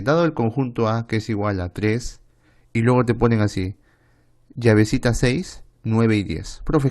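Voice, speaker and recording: A man's voice: lowish voice, a little mellow. A man with a Peruvian Spanish accent tutoring math online, explaining step by step and often checking with "¿está bien?". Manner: voices students' questions himself.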